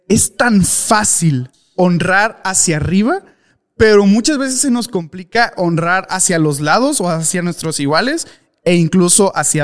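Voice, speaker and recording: High-voiced young Mexican man telling a story. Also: clean tone. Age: young adult. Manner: candid, animated, full of restarts and acted-out dialogue. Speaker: podcast host. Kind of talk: casual storytelling monologue.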